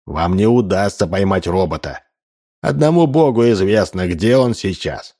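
A man's voice: low voice, animated, normal speed, warm tone. A man doing a grumbling old prospector. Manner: grumbling, complaining.

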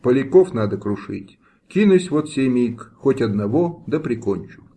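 A man reading an audiobook, voicing a village executioner who mutters grimly and yells in a frenzy. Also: medium pitch, animated, a little slow. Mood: muttering. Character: brutal frantic male village executioner.

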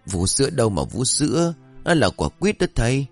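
A cocky young disciple who keeps insisting he is right, his voice pushed high and strained, as a male narrator puts him on. The tone leaps around, with faint music underneath. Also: very animated, moderate pace, darkish tone. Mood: arguing. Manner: shrill, insistent arguing.

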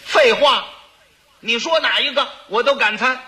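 A man's voice: extremely high pitch, unhurried, pushed and bright, slight background noise, pitched above the performer's own voice, full character voice. A man voicing a stubborn senior minister who speaks in brash, emphatic bursts. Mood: defiant.

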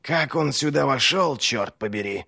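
A bitter, crippled inquisitor in a dark audiobook , put on by a male reader, snarling sarcasm through constant pain. His voice is gravelly and rough, and it rings with a long hall reverb. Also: mid-range voice, lively intonation, measured pace, voice pushed up, exaggerated voice. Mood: angry.

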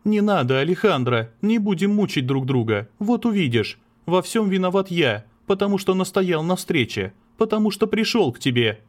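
A man's voice: high-pitched, very animated, moderate pace, few pauses, pitched above the performer's own voice. A man voicing an anxious, lovesick young man who pleads earnestly, in an audiobook. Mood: pleading. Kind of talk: audiobook character reading.

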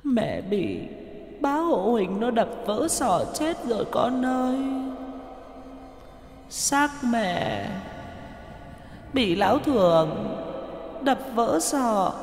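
Woman doing a crying ghost mom, slow and high, super echoey. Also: big pitch swings, a little mellow, faint music behind, full character voice. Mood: grieving. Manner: sobbing, pleading. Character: sobbing ghost of an old mother. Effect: ghostly reverb. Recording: echoey with long reverb.

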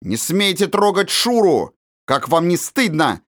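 A man's voice: high-pitched, sing-song, a little slow, fairly bright tone, no echo, studio quality, pitched above the performer's own voice, exaggerated voice. A man voicing a brave young boy who speaks firmly and angrily, like a grown-up, in a storybook reading. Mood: indignant. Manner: firm, angry, grown-up in tone.

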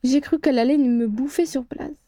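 A woman voicing a steady, wary male wizard investigator in an audiobook, speaking firmly and with control. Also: sits high, normal speed, no echo, lightly acted. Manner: firm and controlled.

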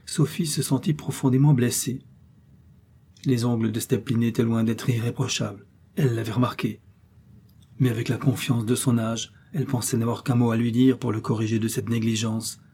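A man reads a classic novel aloud in a calm, even storytelling voice. His tone is dark and mellow with a slight huskiness, steady from line to line. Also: mid-range voice, normal speed, breathy edge. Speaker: audiobook narrator. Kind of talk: scripted narration of a classic novel.

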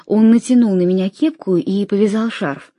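A woman reading a story aloud in an even, measured narration. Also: medium pitch, dry recording, studio quality. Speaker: audiobook narrator. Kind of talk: scripted narration.

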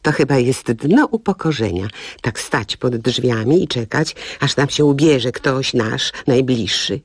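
Porzuconą kobietę, gorzko rozbawioną. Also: female voice, rumbling low, animated, a little slow, heavily acted. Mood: rueful. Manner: wry, rueful, bursts of bitter laughter. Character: jilted woman laughing through her misery. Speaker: cabaret actress. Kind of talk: comic radio monologue.

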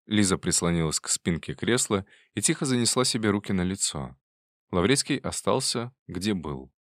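A man narrating a classic novel in a measured, even manner. His voice sits low. The recording is dry and close, with no room sound. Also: dry recording. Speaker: audiobook reader. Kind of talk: scripted literary narration.

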